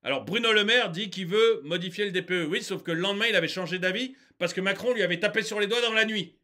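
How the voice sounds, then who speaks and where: A man giving an indignant commentary, moving from calm reading into exasperated, shouting tirades. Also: sits high, fast. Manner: exasperated, ranting, shouting outbursts. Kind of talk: indignant commentary on a news topic.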